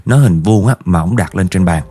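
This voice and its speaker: A man's voice: low voice, brisk, mellow. A man with a Southern Vietnamese accent narrating a ghost story vividly, speaking directly to his listeners. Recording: faint background music.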